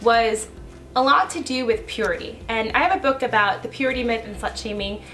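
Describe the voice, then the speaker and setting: A young woman, a vlogger and YouTuber talking fast and chattily to her viewers. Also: fairly high pitch, fairly bright tone. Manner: fast, chatty, laughing asides. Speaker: YouTuber and blogger. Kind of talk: casual vlog commentary.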